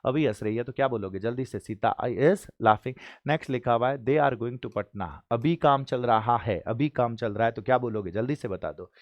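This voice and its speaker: A man from India teaching an exam-prep English lesson, pressing students with quick questions and spelling out example sentences slowly. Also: medium pitch, no room sound, muffled recording. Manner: urges students to repeat sentences, drills with rapid questions.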